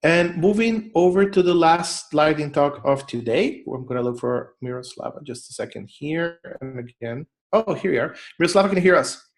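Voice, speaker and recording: A man moderates a live online conference session over a video call. He sounds upbeat and encouraging as he hands over between speakers. His voice sits a little high for a man. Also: lively intonation, normal speed, few pauses.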